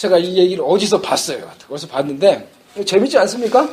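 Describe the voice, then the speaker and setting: A man's voice: sits high, big pitch swings, quick pace, a crowd in the background. A man preaching a sermon as pastor, telling a story playfully and laughing often.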